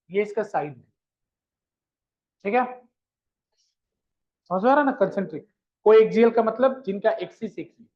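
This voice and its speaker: A male physics teacher lecturing a live class, asking questions, repeating them, and coaxing his students along as children. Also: high voice. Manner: addresses students fondly as children. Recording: dull lo-fi sound.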